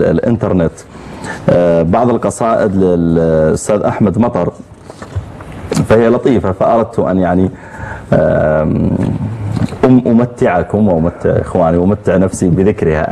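Male lecturer, low mellow voice, casual classroom manner with light humor. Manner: relaxed and joking, quizzes his students. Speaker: religious teacher. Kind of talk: classroom lecture with poetry recitation. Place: classroom with students.

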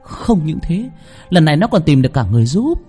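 A man voicing a female spirit medium in a trance, who prophesies doom in a shrill, harsh voice for a horror story. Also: very animated, brisk, slightly rough, faint music behind. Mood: menacing. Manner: prophesying doom in shouts and cackles.

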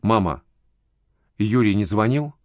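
A man's voice: fairly low pitch, lively intonation, takes it slowly, a little mellow, no echo. A man voicing a young new mother who is emotional, lovesick and desperate, pleading and accusing by turns, in a spoken story.

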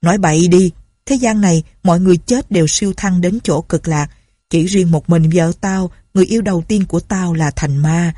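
A bitter, drunk young man rants in a low, husky, mellow voice, as a woman narrator puts him on. He sounds harsh and grief-stricken, recorded close and dry. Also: fairly quick, no room sound, close to an everyday voice. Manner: slurred drunken ranting.

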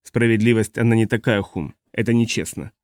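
A man reading the part of a steady older man who consoles the others in a low, calm voice. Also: fairly quick, no room sound, clean studio sound, lightly acted. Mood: consoling.

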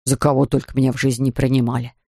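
A woman's voice: very deep voice, flat delivery, rapid-fire, darkish tone, dry recording, clean studio sound, voice pushed down. A woman voicing an indignant bearded middle-aged man in a storybook. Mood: rueful. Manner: gruff and indignant.

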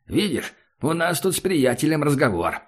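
A man's voice: on the high side, sing-song, normal speed. A man reading an audiobook and voicing a sarcastic tough male skinhead survivor who mocks and swears coarsely. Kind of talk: audiobook character voice.

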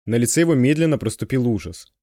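A man narrating an audiobook with expressive storytelling. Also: medium pitch, fast, no echo, studio quality. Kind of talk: scripted narration.

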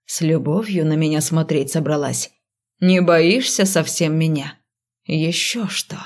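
A woman reading an audiobook, voicing a sullen, stubborn male necromancer who snaps his lines low and hushed. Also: unhurried. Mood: menacing. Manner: curt, snapping, low and hushed.

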